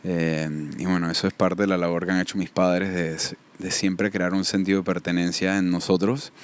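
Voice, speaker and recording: A man's voice: sits low, little pitch movement, moderate pace, clean tone. A young Panamanian man speaking with a Panamanian accent, a guest telling his life story in a casual podcast interview. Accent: Panamanian Spanish. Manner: storytelling, warm and faith-focused.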